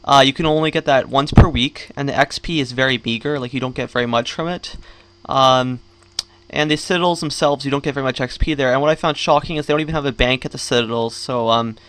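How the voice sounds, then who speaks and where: A gaming vlogger with a sore jaw and swollen cheeks after wisdom tooth surgery rambles and gripes through casual game commentary. He talks fast at medium pitch, with a slightly bright, clear, resonant tone.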